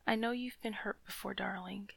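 A woman in an ASMR comfort roleplay, speaking softly and soothingly to a loving partner, often slipping into whispers close to the mic. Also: medium pitch, fairly even intonation, moderate pace, vocal fry, husky, no echo.

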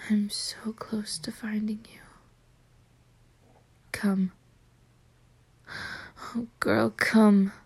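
A woman voicing a seductive, menacing succubus in a whispered role-play, teasing and dominant, with a breathy, husky whisper. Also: medium pitch, flat delivery, extremely slow, pauses often, a little mellow, heavily acted. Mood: commanding, seductive. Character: seductive, menacing female succubus taunting her prey.

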